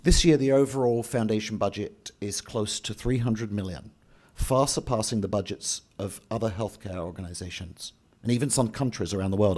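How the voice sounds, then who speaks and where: The voice is a man's, fairly low and a bit dark in tone, reading a prepared banquet speech from the podium of a large hall. He is the event's speaker and emcee, keeping a steady pace while slipping in asides and occasionally restarting.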